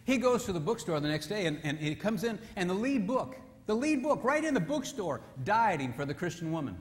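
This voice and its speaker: A man preaching a sermon with a fairly high voice, telling stories in an animated way and sinking low and soft to drive points home. The sound carries a long reverb from the church hall. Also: a little fast. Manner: animated storytelling, drops low and quiet for emphasis. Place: church sanctuary.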